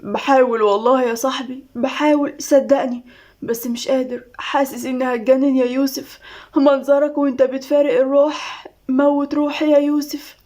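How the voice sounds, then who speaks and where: A woman voicing a grieving young man who talks to his mother in a low, subdued, choked way. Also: steady tone, brisk. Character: grieving young man, son, quiet and heavy.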